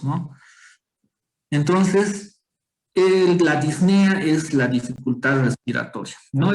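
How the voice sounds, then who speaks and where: A man's voice: medium pitch, low-quality recording. A man teaching a medical class online, explaining step by step and calling on students with questions. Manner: explanatory, quizzes students, frequent tag questions. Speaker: medical lecturer.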